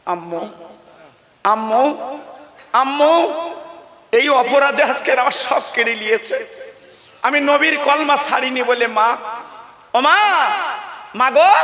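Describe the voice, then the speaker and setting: A man's voice: very high-pitched, bright, forceful tone, full character voice. A man voicing a young son who pleads tearfully with his mother, his cries carrying long hall reverb. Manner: tearful wailing pleas.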